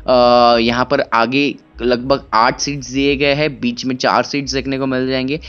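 A young man in his twenties walking through a bus at an indoor expo hall, giving a casual vlog-style walkaround review with many "uh" pauses, on a handheld camera mic. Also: mid-range voice, little pitch movement, fairly bright tone, smooth, muffled recording, faint music behind. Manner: casual, Hindi mixed with English, many "uh" pauses. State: tired but excited. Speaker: car vlogger.

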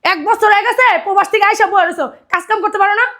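A woman's voice: fairly even intonation, racing, pushed and bright. An actress playing a fed-up young wife who scolds her jobless husband. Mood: exasperated. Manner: shrill, exasperated scolding.

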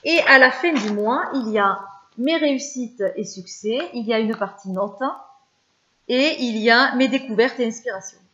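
A woman's voice: on the high side, normal speed, a bit bright, muffled recording. A French-speaking woman vlogger chatting casually about her favorite channels, with many hesitations and fillers.

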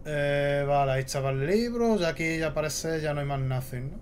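A man with a Spain Spanish accent giving jumpy, excitable let's play commentary while he plays. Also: on the high side, fairly quick, slight background noise. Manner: jumpy, excitable, talks to himself. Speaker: gaming host.

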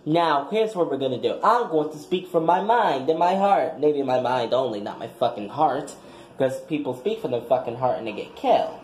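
A man's voice: mid-range voice, lively intonation, moderate pace, a little hiss or hum, lightly acted. A man voicing a brash, foul-mouthed young woman graduate giving a crude, combative speech in a comic skit. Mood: sassy. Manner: crude, combative, trash-talking. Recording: echoey room.

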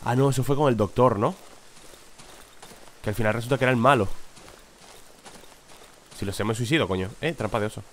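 A man's voice: medium pitch, a little fast, pauses often, a little hiss or hum. A man commentating his horror game session, jumpy and swearing, reading item names aloud. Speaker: gaming video host. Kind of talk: let's play commentary.

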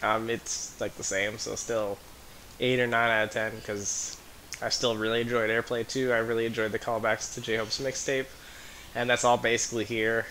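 A man's voice: mid-range voice, flat delivery, normal speed, sharp tone, a little hiss or hum. A man giving casual, rambling commentary on a music video, out of breath and full of "like" and "um".

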